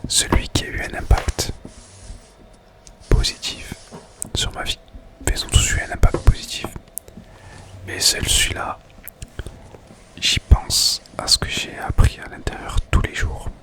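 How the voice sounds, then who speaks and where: A man speaking in a breathy, unvoiced whisper, presenting and reading books in an informal ASMR style. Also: unhurried, pauses often.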